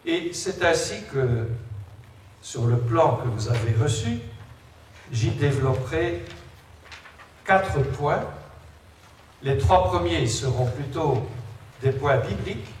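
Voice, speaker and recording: A man's voice: a little high, animated, slow pace, long pauses. A man giving a religious lecture as a priest, explaining things with conversational asides to his listeners, in a large, echoing space. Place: large reverberant indoor space. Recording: echoey hall, distant mic, background noise.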